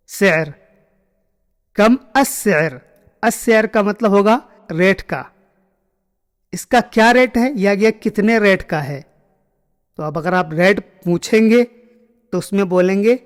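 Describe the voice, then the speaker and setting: A man with a high voice teaches a spoken language lesson, saying each phrase slowly and more than once. His voice carries a long reverb, as if recorded in a hall. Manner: slow, repeated phrases for drilling.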